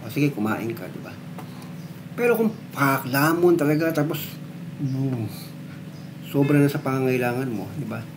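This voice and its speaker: Man, mid-pitched, chatty lecturer, thinks out loud, light noise in background. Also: animated, normal speed, long pauses. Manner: conversational, frequent tag questions and fillers. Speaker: philosophy lecturer. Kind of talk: casual explanatory talk.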